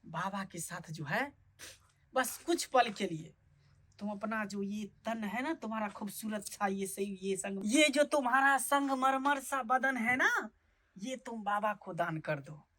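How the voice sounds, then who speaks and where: Sketch: chuckling lecherous fake godman with a lilt, voiced by a woman, bright tone, higher than usual. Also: measured pace. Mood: coaxing. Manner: sly, wheedling, chuckles often. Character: sleazy lecherous fake holy man, male, middle-aged. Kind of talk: comic sketch acting.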